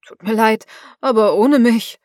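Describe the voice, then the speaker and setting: A woman's voice: on the high side, expressive, measured pace, no echo, studio quality. A woman voicing an old bearded male fisherman in an audiobook, speaking curtly and in disbelief. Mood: incredulous. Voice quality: curt, incredulous.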